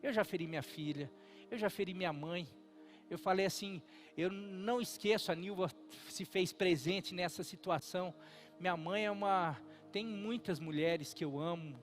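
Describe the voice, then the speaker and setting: A man's voice: high voice, moderate pace, faint music behind. A middle-aged Brazilian man, a pastor, preaching an earnest and emphatic sermon at a church service. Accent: Brazilian Portuguese.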